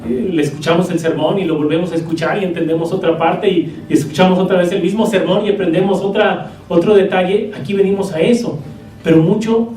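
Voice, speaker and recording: A man's voice: high voice, fairly even intonation, fairly quick, darkish tone, echoey room, recorded from a distance, faint music behind, poor audio. A man preaching a sermon to a congregation in a church, teaching in a conversational way and often checking in with his listeners. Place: church hall.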